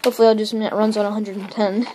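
A woman's voice: mid-range voice, little pitch movement. Woman rambling thru her electronics workbench, phone cam, lots of hiss n clicks. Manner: rambling, quick, self-interrupting. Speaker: electronics hobbyist vlogger. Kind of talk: casual unscripted shop tour. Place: cluttered home electronics workshop, indoors. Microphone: handheld phone camera.

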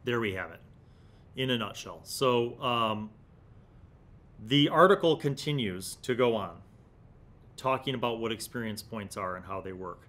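His voice lowish and fairly bright, a man in his forties speaks a little slowly and pauses often. He hosts a gaming review series from an indoor studio, reading articles at a desktop microphone and adding emphatic, conversational commentary.

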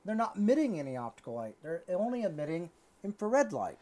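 Thinking aloud as he explains, a middle-aged astronomy lecturer delivers a chatty science lecture with one other person. He speaks briskly and very animatedly in a high-sitting voice with a dark tone.

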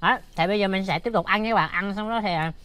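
A young male vlogger speaks fast in a high-pitched, sharp, clean voice with no room sound. Chatting from a small tent on a rooftop in a casual vlog, he keeps addressing his viewers and fills his talk with lots of fillers.

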